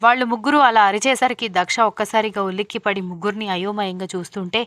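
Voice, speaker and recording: A woman storyteller giving a steady, scripted audiobook narration of a romance novel. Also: medium pitch, fast, no echo, clean studio sound.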